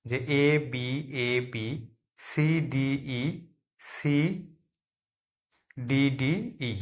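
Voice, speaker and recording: A man's voice: mid-range voice, steady tone, very slow. A man giving an online lesson in Bengali, asking questions and answering them himself as he goes through items one by one. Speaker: teacher. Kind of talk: online lecture.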